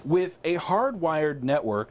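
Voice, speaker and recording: A man's voice: fairly high pitch, sing-song, slow pace, darkish tone, slight background noise. A man co-hosting a tech webinar, casually explaining Wi-Fi step by step with frequent restarts. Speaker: webinar co-host.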